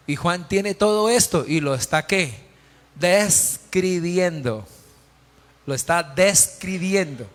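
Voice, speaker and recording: Man preaching slow and emphatic, keeps quizzing the crowd, echoey church hall. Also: high voice. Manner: emphatic, quizzes the congregation with repeated questions. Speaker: pastor. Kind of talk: sermon. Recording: long church hall reverb.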